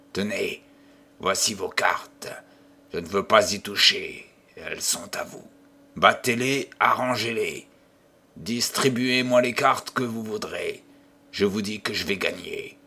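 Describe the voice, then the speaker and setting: A man's voice: fairly low pitch, full character voice. A man voicing a raving old gambler. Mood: bitter. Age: older. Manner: wild swings from hushed whispers to furious outbursts. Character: raving old male gambler haunted by the devil.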